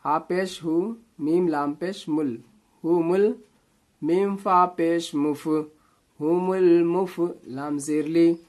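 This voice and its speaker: A man teaching Quran reading, spelling out letters and vowel marks syllable by syllable, with quick explanations. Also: on the high side, fairly even intonation, a little mellow. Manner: slow drawn-out syllable-by-syllable recitation between quick explanations. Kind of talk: spelling-out recitation lesson.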